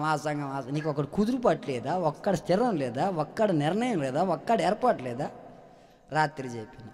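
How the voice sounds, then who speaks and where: A man preaches a sermon in a fairly high voice. He moves from hushed, conversational storytelling to loud, climbing calls to the congregation. His voice carries a long hall reverb from the church. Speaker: pastor.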